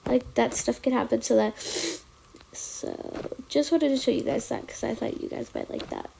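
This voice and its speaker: A woman's voice: fairly high pitch, moderate pace, creaky, warm tone, slight background noise. A young woman who is sick and coughing, narrating a toy role-play in a breathless, panicky way. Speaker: role-play channel creator.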